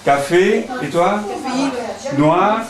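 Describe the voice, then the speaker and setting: Echoey teacher questioning children. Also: male voice, high-pitched, lively intonation, extremely slow. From Congo. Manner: questioning, encouraging, laughs often. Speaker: singing-school teacher. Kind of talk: classroom talk with children. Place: indoor classroom with children. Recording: echoey room with children's crowd noise.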